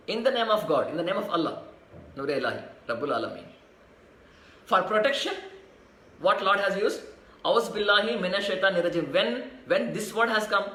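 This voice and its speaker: A man's voice: on the high side, a bit bright. A man preaching a devotional sermon, repeating phrases rhythmically and chanting verses. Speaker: spiritual teacher. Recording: echoey room, faint ambient noise.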